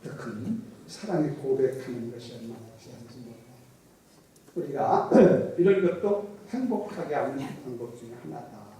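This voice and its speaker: A middle-aged pastor preaches a sermon in a church sanctuary, spinning folksy stories full of jokes and dialect impressions. His voice is medium-pitched and warm, carrying a little hiss or hum. The mic sits at a distance in an echoey church hall.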